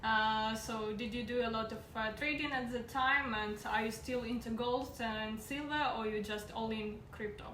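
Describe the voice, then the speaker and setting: Woman interviewer, high voice, slightly halting questions, echoey, loud traffic behind. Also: steady tone. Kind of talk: casual interview. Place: outdoors in a city, traffic nearby.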